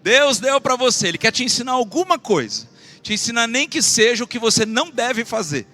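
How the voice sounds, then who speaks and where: A man preaching a fervent sermon as pastor of his church, swinging between loud exclamations and quiet asides and calling out questions to the congregation. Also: extremely high pitch, big pitch swings, fairly quick. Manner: asks the congregation for call-and-response.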